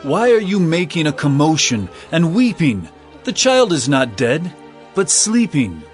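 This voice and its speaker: Jesus, slow, commanding, expressive. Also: male voice, on the high side, soft background music. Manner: solemn, authoritative, measured. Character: Jesus, commanding, compassionate male healer and teacher.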